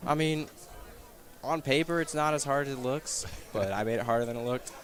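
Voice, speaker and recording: A young man, a junior bowler, answering interview questions in a relaxed, matter-of-fact way at a bowling alley. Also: mid-range voice, brisk. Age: young adult. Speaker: junior bowler, last year's champion. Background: crowd chatter.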